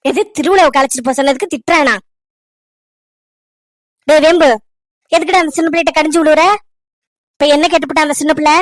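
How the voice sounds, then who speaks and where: A woman's voice: high voice, fairly even intonation, fast, pauses often, no echo, close to an everyday voice. A woman doing an older village mother, chiding. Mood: reproachful. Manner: reproachful, pleading.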